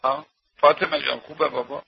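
A man preaching a sermon in an impassioned way, rising to shouts and dropping to hushed storytelling. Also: mid-range voice, fairly even intonation, creaky, a little hiss or hum. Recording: dull lo-fi old tape.

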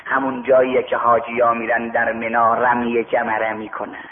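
A man's voice: medium pitch, monotone, a little hiss or hum. A man preaching a sermon, retelling a religious story and acting out its dialogue. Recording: echoey tinny radio broadcast.

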